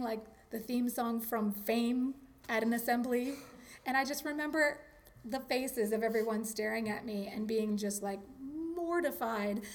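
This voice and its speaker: A woman talking casually in an interview, chatty and animated, with lots of likes and ums. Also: on the high side. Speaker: interviewee, teacher.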